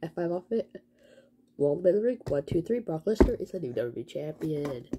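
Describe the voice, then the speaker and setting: A young woman vlogger giving a rambling, excitable, slang-filled casual recap of a wrestling event. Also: sits low, normal speed, background noise.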